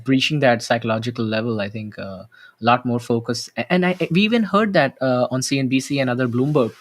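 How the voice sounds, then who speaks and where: A man adding points in a casual market chat, halting and often correcting himself as he goes. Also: medium pitch.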